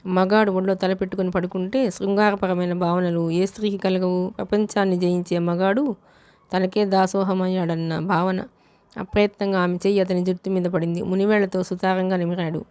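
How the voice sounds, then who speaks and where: Woman reading a novel out loud for an audiobook, steady unhurried pace, really even monotone voice. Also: lowish voice, clean tone, no echo. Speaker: audiobook narrator. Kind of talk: scripted narration of a novel.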